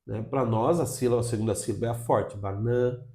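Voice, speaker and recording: A Brazilian man with a Brazilian Portuguese accent teaches in an explanatory, chatty way, often checking in with the listener. His voice is warm and mellow at a middle pitch. The room gives it a noticeable echo. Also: quick pace, creaky. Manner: explanatory, frequent "tá?" check-ins. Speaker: English teacher. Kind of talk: video lesson.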